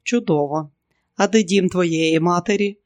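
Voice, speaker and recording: A man's voice: sits high, measured pace, no echo. A man voicing a tense, guarded man who answers in short, clipped replies. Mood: impatient.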